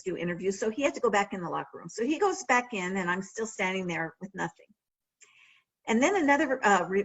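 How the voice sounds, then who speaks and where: A woman's voice: mid-range voice, husky, poor audio. A middle-aged woman, an author and former sportswriter, telling anecdotes in a conversational library talk and often restarting her sentences. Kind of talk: storytelling talk.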